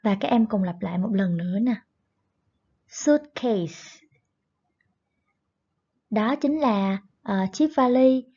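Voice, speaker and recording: A woman's voice: medium pitch, lively intonation, normal speed, few pauses, warm tone, husky. A woman teaching a primary English class online, patiently explaining words and repeating each one twice. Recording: dull lo-fi recording.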